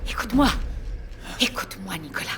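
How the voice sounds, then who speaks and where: A woman's voice: mid-range voice, lively intonation, fairly quick, lightly acted. An actress dubbing a tense woman at a wounded man's bedside who speaks urgently. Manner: urgent, soothing by turns. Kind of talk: dubbed telenovela acting. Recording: music playing underneath.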